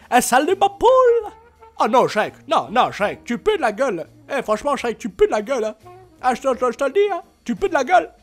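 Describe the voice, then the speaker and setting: A man's voice: extremely high pitch, big pitch swings, fairly quick, soft background music, pitched above the performer's own voice, heavily acted. A man voicing a brash, cheeky cartoon donkey who talks in a yappy, insistent, repetitive patter. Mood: cheeky, teasing.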